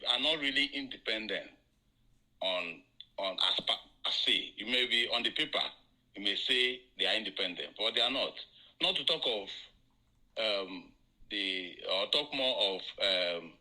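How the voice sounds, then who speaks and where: A man calling into a live audio show over a conference call line that cuts in and out, talking in halting bursts with emphatic questions. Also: fairly low pitch, sharp tone, low-quality recording. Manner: halting, restarts often, rising emphatic questions. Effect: heard over a conference call line, audio cutting in and out. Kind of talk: casual call-in opinion.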